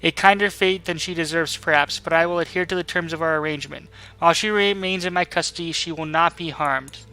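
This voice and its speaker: A man voicing a grave, honorable older lord, reading video game dialogue in a formal, measured manner. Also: fairly high pitch, fairly even intonation, bright, forceful tone, clean tone, rough recording. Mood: solemn gratitude. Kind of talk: dramatic read-aloud of game dialogue.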